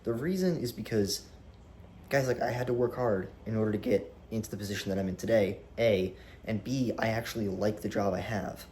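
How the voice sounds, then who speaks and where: A young man in his early twenties talks straight to a tripod camera in a low voice, animated and rambling, with restarts and swearing. A faint hiss sits under the recording. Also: fairly quick. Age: young adult. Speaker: vlogger. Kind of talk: casual talk to camera.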